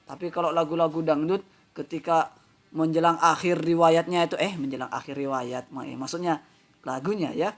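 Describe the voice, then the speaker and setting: A man's voice: on the high side, steady tone, moderate pace. A man teaching a vocal music lesson to pupils, chatty and peppering his talk with little fillers. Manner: chatty, fills with "nah" and "ya". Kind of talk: online class lesson.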